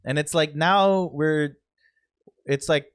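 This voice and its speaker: A man's voice: fairly high pitch, slow, clear, resonant tone. A young man co-hosting a podcast, emphatic and repetitive in casual chat. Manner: emphatic, repeats himself, laughs often. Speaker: podcast co-host.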